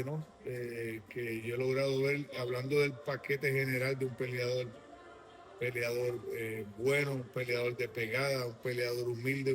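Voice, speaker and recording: A middle-aged man with a Puerto Rican Spanish accent, answering interview questions in a halting way with many restarts. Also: medium pitch. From Puerto Rico. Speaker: guest.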